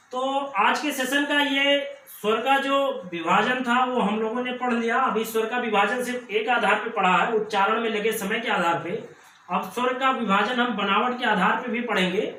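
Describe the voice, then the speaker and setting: A man teaching a grammar lesson, explaining slowly and repeating key points. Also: extremely high pitch, bright, forceful tone, reverberant, recorded from a distance, rough recording. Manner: slow, repetitive explaining.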